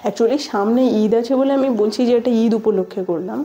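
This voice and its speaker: A woman's voice: fairly high pitch, fairly quick, dark tone. A young woman, vlogging in a casual, chatty way and often trailing off to recheck what she means. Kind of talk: casual vlog chat.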